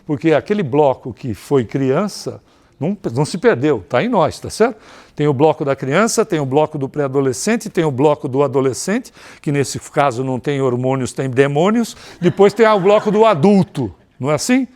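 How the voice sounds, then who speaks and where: A man lecturing at a spiritist gathering, his voice sitting a little higher than most men's. He speaks conversationally, asking his listeners rhetorical questions and tagging his points with quick checks for agreement. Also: expressive, darkish tone.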